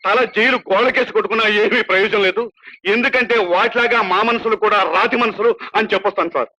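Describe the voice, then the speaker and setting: A man's voice: sits high, fast talker, pushed and bright. An actor playing a humble, kind-hearted prison constable who talks earnestly and deferentially to his boss, in a film drama with a dull, lo-fi soundtrack. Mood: chatty, deferential.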